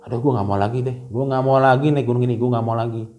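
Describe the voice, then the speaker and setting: A man's voice: medium pitch, steady tone, fast, a little mellow, close to an everyday voice. A man putting on the voice of a frightened young hiker who insists on leaving the mountain, repeating himself frantically. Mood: panicked. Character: panicked young man begging to leave the mountain.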